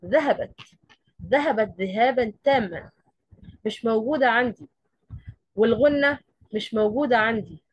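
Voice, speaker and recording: Egyptian woman teaching tajweed, husky. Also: fairly high pitch, moderate pace, pauses often, no echo, lo-fi sound. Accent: Egyptian Arabic. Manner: explains step by step with rhetorical questions. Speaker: Quran recitation teacher. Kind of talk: tajweed lesson.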